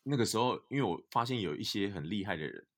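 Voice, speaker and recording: A young man, a guest telling stories in a casual interview, animated and full of fillers. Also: lowish voice, fast talker. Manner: animated storyteller, many fillers. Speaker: guest, basketball player.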